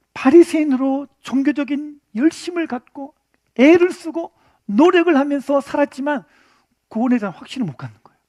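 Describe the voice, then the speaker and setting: A man teaching a church Bible study class in an animated way, often putting questions to his listeners. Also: very high voice, dry recording, studio quality. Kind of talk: interactive Bible lesson.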